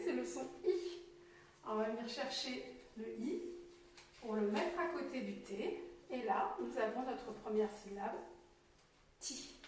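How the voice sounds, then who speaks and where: A French woman teacher, slowly and clearly sounding out syllables for young children. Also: fairly high pitch, far from the mic, slight background noise. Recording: very echoey room, voice from off mic.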